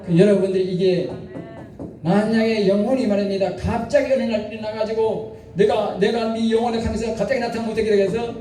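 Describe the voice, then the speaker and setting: A man's voice: high-pitched, steady tone, a little fast, dark tone. A male pastor preaching a sermon, exhorting the congregation and often asking them to respond. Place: church sanctuary. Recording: echoey church hall from far off.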